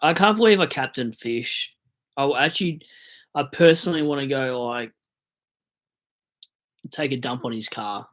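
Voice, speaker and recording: A man's voice: medium pitch, lively intonation, a little slow, pauses often, a bit bright. An Australian man hosting a fantasy football livestream, chatting casually, swearing and mock-ranting about his team.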